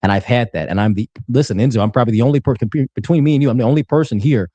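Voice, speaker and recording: A man's voice: mid-range voice, rapid-fire, mellow, no echo, highs cut off. A man in his twenties arguing in a heated debate, combative and profane. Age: 20s. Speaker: debate panelist.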